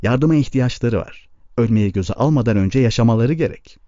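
A man reading a former preacher who speaks low, earnest and reflective. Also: lively intonation, moderate pace, mellow, dry recording, highs cut off, close to an everyday voice.

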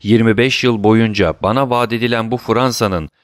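A man's voice: on the low side, fairly even intonation, moderate pace, no room sound, studio quality, close to an everyday voice. A man voicing an aging French king who is imperious and alarmed, questioning his ministers sharply.

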